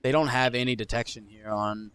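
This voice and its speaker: A man's voice: medium pitch, fairly even intonation, fairly quick, fairly bright tone, smooth, no echo. Male esports caster, mid-range voice, casual play-by-play, hedging, self-correcting. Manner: thinks aloud, hedging and correcting himself.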